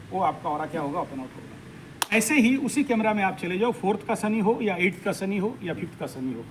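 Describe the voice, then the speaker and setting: High-voiced, animated male astrology teacher. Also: a little hiss or hum, low-quality recording. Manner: animated, emphatic, mixes English phrases into speech. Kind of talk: live workshop lecture.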